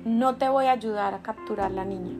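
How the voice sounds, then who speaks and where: A woman's voice: mid-range voice, a little fast, over music, natural voice. A woman voicing a tired, mistreated servant woman who steadily refuses her mistress. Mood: defiant.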